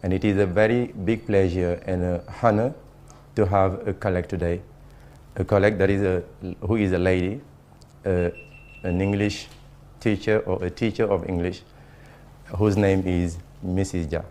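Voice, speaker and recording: A man hosting a TV interview in English, formal and halting. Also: deep voice, steady tone, warm tone, a little hiss or hum. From Senegal. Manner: formal, halting, many backchannel mm-hmms. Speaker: host.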